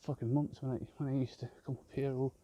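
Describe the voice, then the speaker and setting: A man's voice: mid-range voice, level tone, quick pace, mellow, lo-fi sound. A man rambling and swearing constantly as he films a vlog on a walk outdoors in a park with his phone. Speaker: vlogger. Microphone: handheld phone camera.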